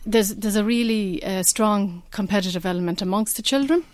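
A woman's voice: medium pitch, brisk, no echo. A woman with an Irish accent speaking casually as a club representative in an interview.

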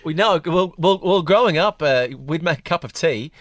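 A man's voice: fairly high pitch, normal speed, no echo. An Australian man hosting a live radio interview, chatty and repeating words as he builds a point. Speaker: sports radio host.

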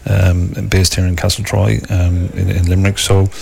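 Low, even-toned man with a Wexford accent. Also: normal speed, creaky, slight background noise. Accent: Wexford Irish. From Wexford, Ireland. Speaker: golf club captain, interview guest. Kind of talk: informal live radio interview.

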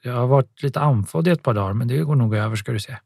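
A male audiobook narrator voicing a tired, short-winded older man who is reassuring, in his own husky voice. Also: mid-range voice, darkish tone, dry recording, clean studio sound. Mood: weary. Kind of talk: audiobook dialogue reading.

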